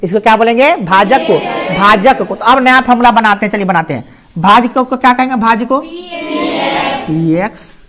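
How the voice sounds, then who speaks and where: A woman's voice: a little high, fairly quick, crowd noise. A woman with a Bihari Hindi accent teaching a maths class in a classroom, keeps firing questions at her students and drawing answers out of them. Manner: animated call-and-response questioning of students. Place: classroom with a board.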